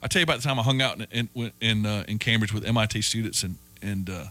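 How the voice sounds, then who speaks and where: A man's voice: fairly low pitch, fast talker. A man hosting a sports talk show, telling stories and acting out quoted voices. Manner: animated storyteller, acts out quoted voices. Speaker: sports radio host.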